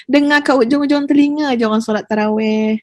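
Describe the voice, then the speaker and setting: Ustazah perempuan, malaysia, cerita bersemangat, suara tinggi sikit, bunyi dry. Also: female voice, high-pitched, brisk, no echo. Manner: lively storytelling, lively with emotion. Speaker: religious teacher. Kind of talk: podcast chat.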